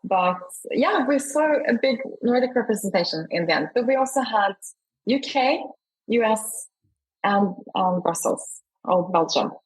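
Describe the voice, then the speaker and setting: A woman's voice: medium pitch, expressive, unhurried, slightly rough, low-quality recording. A woman from Scandinavia, an investor and award founder, talking enthusiastically in an interview. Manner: enthusiastic, emphatic.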